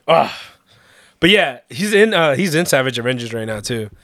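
A young man co-hosting a podcast in casual chat, excited and slangy, laughing often. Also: mid-range voice, normal speed, no echo, studio quality. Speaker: podcast co-host.

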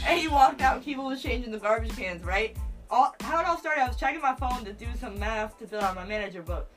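Young woman, somewhat high voice, a little far from the mic, faint music behind, casual chat. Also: expressive, fast. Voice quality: laughs a lot, blunt and profane.

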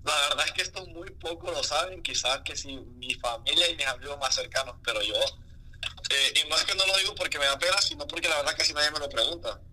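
A man's voice: a little high, fairly quick, sharp tone, rough recording. A man with a Honduran Spanish accent, a music artist telling his story candidly in a casual interview.

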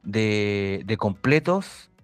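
A man with a Chilean accent, co-hosting a casual podcast chat, making his point haltingly with many restarts. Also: fairly low pitch, lively intonation, clean tone, no room sound, faint music behind. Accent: Chilean Spanish. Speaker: podcast co-host.

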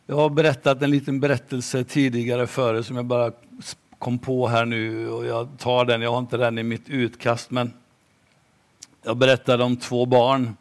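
A man preaching a sermon slowly and emphatically, at times dropping to a near-whisper. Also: medium pitch, level tone.

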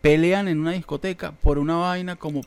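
A Venezuelan-accented man in casual conversation who talks quickly. He swears freely and hammers his opinions home. His reactions are blunt and emphatic. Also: fairly high pitch, steady tone, darkish tone, clean tone. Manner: profane, emphatic reactions and rants. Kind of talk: casual chat.

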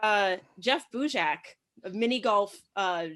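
Woman, guest, video call, playful, deadpan humor. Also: mid-range voice, a little slow. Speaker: returning guest. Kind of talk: casual chat on a video call.

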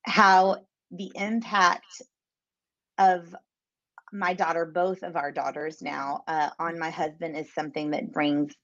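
A woman guest in an interview, an adoptive mother speaking warmly and reflectively. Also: low voice, flat delivery, no room sound. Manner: warm, reflective, slow and searching. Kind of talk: conversational interview. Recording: slightly dull lo-fi sound.

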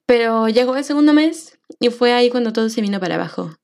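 A young woman from Mexico talks through her own story on a solo podcast. She has a Mexican accent and speaks reflectively, pausing on fillers and restarting her sentences. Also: a little high, animated, creaky, darkish tone. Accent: Mexican Spanish. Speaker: podcast host. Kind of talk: personal monologue podcast.

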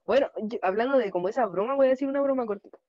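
A young woman with a Chilean Spanish accent, co-hosting a podcast in relaxed, casual chat. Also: fairly high pitch, very fast, no room sound, highs cut off. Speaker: podcast co-host.

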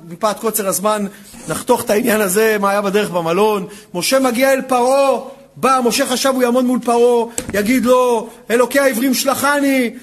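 High-voiced, animated rabbi. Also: male voice. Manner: dramatic, acts out dialogue with shifting voices, rhetorical questions. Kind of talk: animated Torah lesson.

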